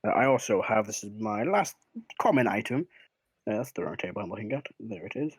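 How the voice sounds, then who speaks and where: A man with an average-pitched voice narrates a tabletop game as game master. He talks casually and hesitantly, searching as he goes and swearing freely. The sound is very dry. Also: no echo.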